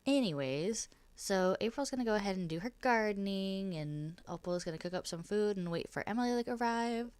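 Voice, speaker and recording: A woman's voice: medium pitch, expressive, fairly quick, few pauses, darkish tone, smooth, no room sound. A woman with a cold and a nasal voice, casually narrating a life-simulation game she is playing. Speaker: gameplay narrator.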